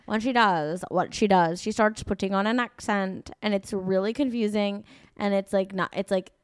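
A woman hosts a podcast in loose, casual chat. She teases her co-host and swears freely. Her voice is smooth and resonant, recorded dry and close. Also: medium pitch, moderate pace, dry recording. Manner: joking, teasing, swears freely. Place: vacation rental.

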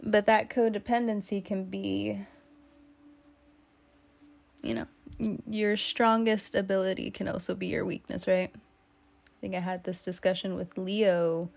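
A woman's voice: medium pitch, little pitch movement, a little slow, gravelly, pauses often, a little mellow. A woman giving a casual tarot reading, chatty and teasing, with lots of fillers. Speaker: tarot reader.

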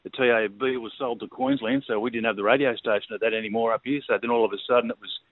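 A man's voice: mid-range voice, steady tone, fast, no room sound. A middle-aged Australian man from New South Wales, a race caller telling his story in a laid-back, rambling way with lots of fillers. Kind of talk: casual interview. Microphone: phone. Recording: tinny phone line, dry.

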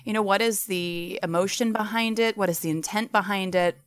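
A woman with a smooth, resonant voice of middle pitch answers interview questions. She talks eagerly and at length, stringing thoughts together with little fillers and restarts. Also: brisk. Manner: enthusiastic, talks in run-on explanations with fillers. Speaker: guest.

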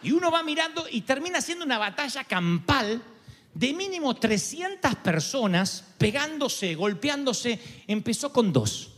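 Animated preacher in a reverberant hall. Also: male voice, very high voice, unhurried. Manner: animated preaching, acts out quoted voices. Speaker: pastor. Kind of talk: sermon.

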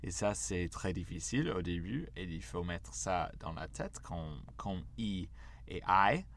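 Man, American accent, very deep voice, slow and patient, language teacher drilling letters. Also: expressive, gravelly, a bit bright. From United States. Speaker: English teacher. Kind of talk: language lesson.

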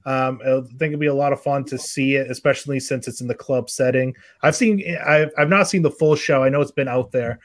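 A man's voice: mid-range voice, a little fast, hardly any pauses, no echo, studio quality. A man from New Hampshire hosting a casual live show, talking in an easygoing way with hesitant fillers. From New Hampshire, USA. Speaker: livestream host. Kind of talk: casual chat.

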